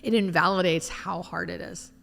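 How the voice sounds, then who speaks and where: Here a woman with a lowish, gravelly voice speaks at a moderate pace in a big-room acoustic. As a hospice nurse under interview, she shares candid, conversational stories. Her manner is informal and expressive, and she frequently quotes dialogue she imagines.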